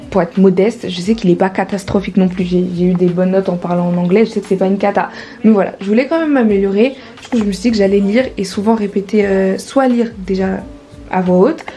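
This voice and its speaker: A woman's voice: mid-range voice, dark tone, poor audio. Chatty teenage girl vlogging. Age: teens. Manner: chatty, many fillers. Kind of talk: casual vlog narration.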